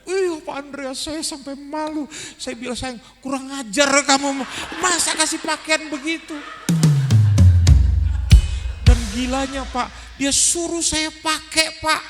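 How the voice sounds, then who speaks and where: A man's voice: very high-pitched, steady tone, slow, pitched above the performer's own voice. A man preaching who puts on the voice of a shy, flustered middle-aged wife, in a reverberant hall. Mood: embarrassed. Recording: echoey hall with faint music.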